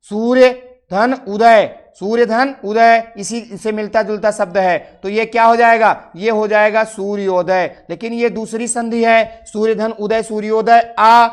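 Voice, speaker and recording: Male teacher, Uttar Pradesh Hindi accent, high voice, drills viewers with repeated quiz questions. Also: flat delivery, a little slow, smooth. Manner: keeps asking the class short quiz questions and answering them himself; addresses viewers as friends. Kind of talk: exam-prep grammar lesson.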